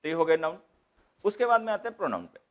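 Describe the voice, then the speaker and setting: A man teaching grammar in a slightly high voice. He breaks each rule down patiently and circles back to the main points. He lectures in the tone of a classroom. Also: very animated, quick pace. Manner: explains step by step, repeats key points, mixes English terms into Hindi.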